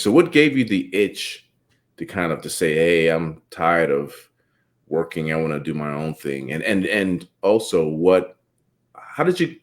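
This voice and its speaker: A man from the Bahamas hosting a casual interview, talking in a relaxed, rambling way and laughing often. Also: low-pitched. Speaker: podcast host.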